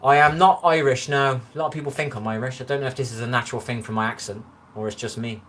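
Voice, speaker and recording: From Bristol, England, a chatty livestreamer with a Bristolian West Country accent reads viewer comments on a phone stream from his own room, lights low. He talks fast in a mid-range, fairly bright voice with fairly even intonation, rambling and easily amused.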